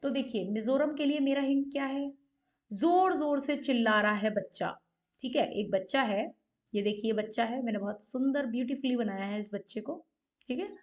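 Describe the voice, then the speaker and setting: A woman teacher delivers an exam-prep lecture in a clear, somewhat high voice. She speaks patiently and explains step by step. She keeps asking the listener questions and checking with "ठीक है". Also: moderate pace, darkish tone.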